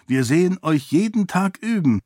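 A stern woman leader speaks haltingly and respectfully, voiced by a man. Her voice sits high and presses forward. Dry, close audiobook recording. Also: lively intonation, a little mellow, no echo. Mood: urging. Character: stern female rebel leader.

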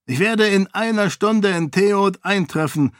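A man's voice: sits high, measured pace, dry recording, clean studio sound, voice pushed up. A man voicing a cold, menacing male monk leader in an audiobook, with a raised, sneering delivery. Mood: threatening. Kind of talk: audiobook character voice.

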